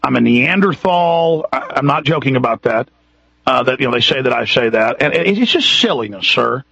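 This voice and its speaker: A man speaks at normal speed in a medium-pitched voice with lively intonation, vocal fry, and a bright, forceful, husky quality, his accent Texan. Hosting a talk radio show, he rants emphatically, stacking up repeated points with rising intensity. The recording is dry, the broadcast muffled.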